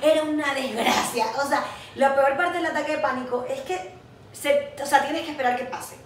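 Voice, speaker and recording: Una mujer joven con acento venezolano, copresentadora de un pódcast, que cuenta en charla casual y animada una historia personal, riéndose de sí misma. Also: female voice, sits high, moderate pace. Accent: Venezuelan Spanish. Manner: animated storytelling, laughing at herself. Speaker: podcast co-host. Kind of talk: casual chat. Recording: echoey room, mic far off, faint hiss.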